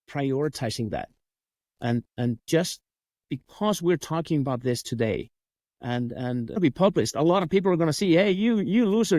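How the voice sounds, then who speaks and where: A man's voice: fairly high pitch, darkish tone, dry recording. A man from Iceland with an Icelandic accent, a coach and sales trainer telling his story as an interview guest, acting out the dialogue as he goes.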